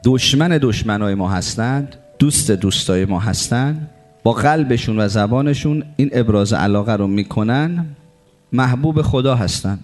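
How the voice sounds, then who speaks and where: A man delivers a religious sermon in an ordinary middle-pitched voice. He recites quotations slowly, asks rhetorical questions and answers them, and strings together long lists. Soft music plays faintly behind him. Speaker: preacher.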